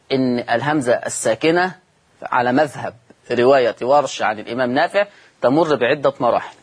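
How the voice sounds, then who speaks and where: A man with an Egyptian Arabic accent teaching Quran recitation in a televised lesson, repeating points slowly and putting questions to his listeners. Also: mid-range voice, slightly rough.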